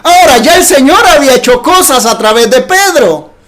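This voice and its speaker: A man's voice: very high voice, expressive, normal speed, a bit bright. A man preaching a sermon, emphatic, asking his listeners rhetorical questions.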